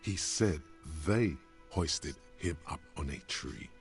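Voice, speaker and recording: Extremely deep-voiced game narrator. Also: male voice, soft background music. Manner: measured, descriptive.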